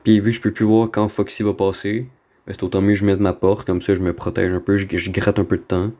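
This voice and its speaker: This man from Quebec talks fast in a low-pitched, dark voice with a level tone. He's recording a video of rambling, casual gaming commentary, speaking slangy French with a Québécois accent and slipping in English slang.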